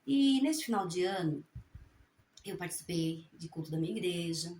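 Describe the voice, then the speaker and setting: A woman's voice: lowish voice, expressive, a little mellow, a little hiss or hum. Fervent woman preaching in an echoey room. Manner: fervent, folksy, frequent "né?" tags; halting reading with self-corrections. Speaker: evangelical preacher sharing a prophecy. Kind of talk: spoken testimony and scripture reading.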